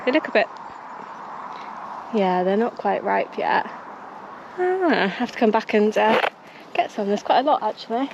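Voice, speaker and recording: A British woman vlogs casually as she jogs along outdoor paths. Her voice sits at a middle pitch and she chats informally as a runner talking to camera. Clear outdoor noise runs behind her. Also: animated, moderate pace, pauses often, lo-fi sound. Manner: talking while out jogging. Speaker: running vlogger. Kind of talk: casual vlog chat to camera. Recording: noisy outdoor ambience.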